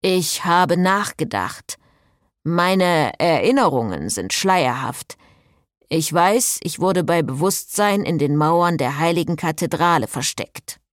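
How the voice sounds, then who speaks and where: A woman voicing a slow, solemn male mummy who speaks in measured, emphatic phrases. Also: lowish voice, animated, dry recording, clean studio sound.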